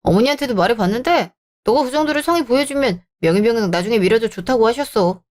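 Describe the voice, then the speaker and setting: A woman's voice: a little high, lively intonation, fast, darkish tone, natural voice. A woman voicing an arrogant, bullying fiancé. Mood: scheming. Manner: condescending, bullying. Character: arrogant, controlling young man, the fiancé. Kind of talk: Korean story-channel radio drama reading.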